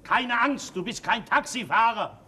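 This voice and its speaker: Mad professor, theatrical, swooping high voice, slow delivery. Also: male voice, expressive. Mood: pompous. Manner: pompous, theatrical. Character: mad male professor, proud and scheming. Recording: 1970s TV studio, audience, hiss. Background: studio audience.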